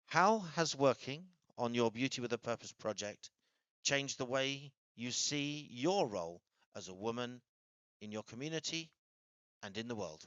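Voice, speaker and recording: A man's voice: medium pitch, expressive, normal speed, fairly bright tone, clean tone, no room sound, highs cut off. A man presenting formally from a script as a pageant host.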